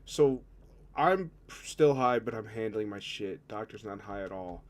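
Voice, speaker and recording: Rambling stoned man with a lowish voice. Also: animated, a little slow. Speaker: tabletop roleplaying player. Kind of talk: casual tabletop game chat.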